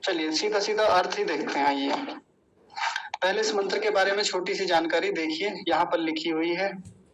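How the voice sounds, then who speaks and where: A man teaching the correct pronunciation of a Sanskrit mantra, repeating each word slowly and chanting the full verse. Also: high-pitched, fairly bright tone, a little hiss or hum, poor audio. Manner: slow, deliberate syllable-by-syllable drilling. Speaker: Vedic recitation teacher.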